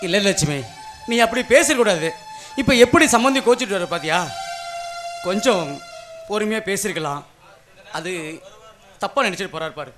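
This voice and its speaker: A man's voice: high voice, expressive, moderate pace, long pauses, fairly bright tone, faint music behind. An actor playing a worried middle-aged father who pleads and reasons with his family. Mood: gentle pleading. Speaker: father of the groom. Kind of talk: family drama acting.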